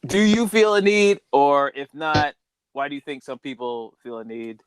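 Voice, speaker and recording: Exclaiming podcast host, dry close sound. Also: male voice, fairly high pitch, normal speed, clear, resonant tone, no echo. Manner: exclamatory, thinks aloud with restarts. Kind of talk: casual chat.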